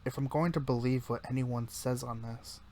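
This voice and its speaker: A man's voice: medium pitch, steady tone, normal speed, a little mellow, a little hiss or hum. Man reading a visual novel aloud. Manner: casual first-person reading with small slips and self-corrections. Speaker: let's play narrator.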